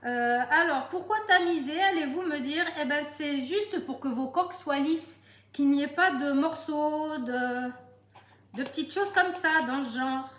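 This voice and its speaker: A woman's voice: high-pitched, unhurried, fairly bright tone, reverberant. A middle-aged woman with a southern French accent, demonstrating a recipe at home in a casual, chatty way and speaking straight to her viewers. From southern France. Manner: chatty, addresses viewers directly. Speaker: Tupperware demonstrator. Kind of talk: casual cooking tutorial.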